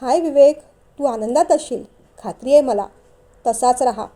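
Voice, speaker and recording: A gentle, emotional young woman speaks softly and with composure, as a woman narrator reads her lines. Her voice is high and mellow, with a dark tone. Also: moderate pace. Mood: calm.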